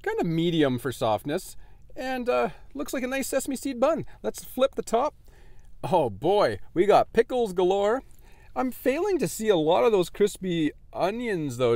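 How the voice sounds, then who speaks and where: High-voiced chatty man reviewing food. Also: no echo. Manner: chatty, animated, laughs often. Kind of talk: casual food review vlog. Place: in a parked car.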